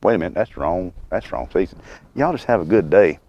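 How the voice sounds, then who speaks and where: A man in his mid fifties with a Southern US accent, chatting in a folksy, unhurried, wryly humorous way around a pipe as he hosts a rambling outdoor vlog. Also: deep voice, animated, lo-fi sound, a little hiss or hum. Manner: talks while puffing on a pipe. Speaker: host of a homestead and birdwatching channel. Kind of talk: rambling casual vlog chat.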